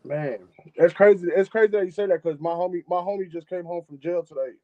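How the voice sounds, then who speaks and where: A music engineer from Chicago, United States talks casually as a guest on a live-streamed interview over a video-call mic. His voice is high-pitched and dark-toned at a quick pace, frequently repeating and restarting phrases, with dull audio and no room sound.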